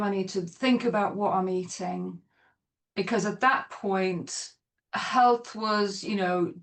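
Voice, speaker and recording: A middle-aged woman with a Dublin accent, chatting as a podcast guest, rambling with restarts. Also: medium pitch. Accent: Irish, Dublin. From Ireland. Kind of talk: podcast interview.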